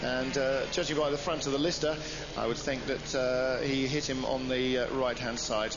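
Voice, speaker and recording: A man's voice: mid-range voice, fairly even intonation, moderate pace. A man giving live commentary as a motorsport commentator, describing the race and replays in a vivid way. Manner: vividly narrates replays, acting out drivers' thoughts. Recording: muffled broadcast with clear engine noise.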